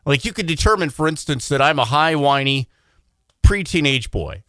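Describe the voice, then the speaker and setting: A man co-hosting a radio morning show, chatting casually in a quick, joking, self-deprecating way. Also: a little high, lively intonation, fairly bright tone, no echo, clean studio sound.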